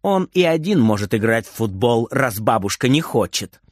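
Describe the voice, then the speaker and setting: A man reading a children's story aloud in an expressive, animated way. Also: mid-range voice, moderate pace, no room sound, studio quality.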